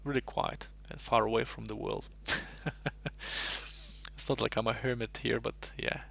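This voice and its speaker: A Russian-born man talks in a heavily gravelly, fry-laden voice. He chats on a live stream in a loose, rambling way, thinking aloud over chess puzzles into a desk mic. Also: mid-range voice, fairly even intonation, a little slow, a bit bright. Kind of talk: casual live-stream chat.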